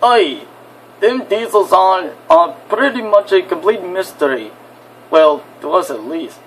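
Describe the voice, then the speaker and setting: A man doing a pair of chatty twin engines from Scotland, in a put-on Scottish accent that keeps slipping. The voice sits a touch higher than his own and moves slowly, stumbling and restarting. A faint hiss lies under the recording. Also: expressive, a bit bright, low-quality recording. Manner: halting, frequent restarts.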